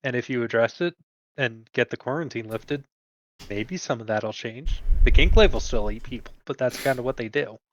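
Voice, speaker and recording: A man's voice: medium pitch, moderate pace, a little hiss or hum. A man acting as game master, explaining a homebrew tabletop setting in a casual, hesitant way with profane asides. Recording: dull lo-fi mic, dry.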